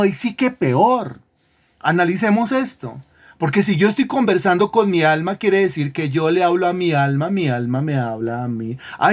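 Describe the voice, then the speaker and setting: A man's voice: a little high, a little mellow. A man preaching a sermon to a congregation, emphatic, repeating phrases and asking questions. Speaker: pastor. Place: church congregation.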